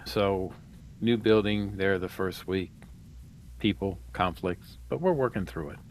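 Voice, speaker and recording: A man's voice: sits low, a little slow, a little hiss or hum. A man co-hosting a reselling podcast in casual chat, rambling and restarting his sentences, talking into a headset. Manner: rambling, restarts a lot, loose and profane. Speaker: podcast co-host.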